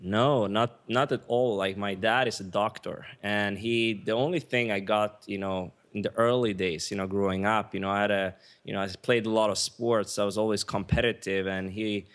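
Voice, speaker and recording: A man from Sweden, a guest on a podcast, talking quickly and filling his speech with "you know". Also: on the low side, fairly even intonation, a bit bright. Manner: fast, leans on "you know" constantly. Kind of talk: podcast interview.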